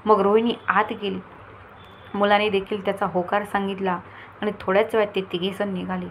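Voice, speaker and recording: A woman storyteller reading a scripted moral story aloud in a steady storytelling way. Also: medium pitch, moderate pace, slight background noise, rough recording.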